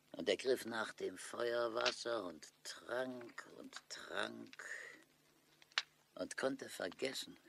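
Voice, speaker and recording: A broken old Mohican chief in an audio drama. He tells things solemnly and wearily in a low, creaky voice, taking his time. Bitter dignity runs through it. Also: background noise, exaggerated voice. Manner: solemn, weary declaiming. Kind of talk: German audio drama acting, storytelling.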